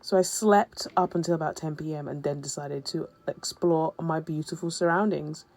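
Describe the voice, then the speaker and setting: A woman's voice: low-pitched, steady tone, moderate pace, a little mellow. A woman narrating her travel vlog as a voice-over, telling her story in a chatty, humorous way with playful asides. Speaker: travel vlogger.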